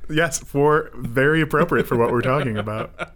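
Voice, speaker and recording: A man's voice: mid-range voice, normal speed, fairly bright tone. Chill pastor guy cohosting a podcast, laughs a lot, pokes fun at himself. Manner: easygoing, laughs often, self-deprecating. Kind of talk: casual chat.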